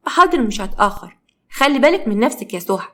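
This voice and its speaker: A woman voicing a sweet teenage younger sister, soft and reassuring, in an Egyptian accent. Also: fairly high pitch, sing-song, fast talker. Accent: Egyptian Arabic.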